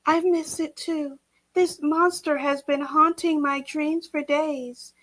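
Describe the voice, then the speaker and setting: A woman voicing a frightened young wife haunted by a demon, speaking high, tremulous and pleading over a video call. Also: fairly even intonation, slow, fairly bright tone. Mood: anxious.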